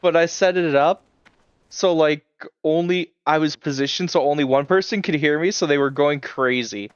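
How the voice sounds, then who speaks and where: Man, game streamer, smooth clear voice, rambling casual chat, dry slightly dull mic. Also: a little high, moderate pace, no room sound. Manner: rambling, many fillers, chuckling asides. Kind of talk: casual live-stream chat while playing.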